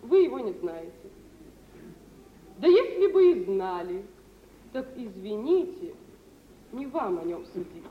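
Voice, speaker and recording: A young adult actress, sounding guarded and stern, performs a proud, sensitive dowerless bride who is yearning and wounded, in a 1950s Russian radio drama. Her mid-range voice is sing-song, with impassioned theatrical delivery and weighty pauses. The sound is roomy, muffled and hissy.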